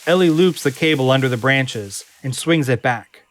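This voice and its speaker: A man with a medium-pitched voice reads a screenplay at a moderate pace, delivering it as dramatic scripted narration. Prominent music plays behind his voice.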